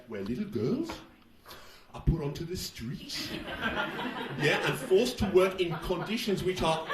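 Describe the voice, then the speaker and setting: A man's voice: a little high, roomy sound, far from the mic, natural voice. An actor with a put-on Danish accent playing a fussy male tourism officer who hesitates and addresses the audience on stage. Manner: hesitant, full of uhs, speaking to audience. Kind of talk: stage comedy monologue. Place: theatre stage.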